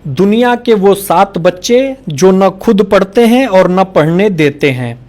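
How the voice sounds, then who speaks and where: A man's voice: high voice, expressive, slow pace, darkish tone. A man reading out a string of jokes and acting out the quoted lines. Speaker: joke teller.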